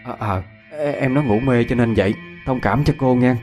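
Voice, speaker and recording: A man's voice: mid-range voice, normal speed, a little mellow, soft background music, natural voice. A man voicing a worried rural mother who stammers as she comforts her child. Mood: apologetic.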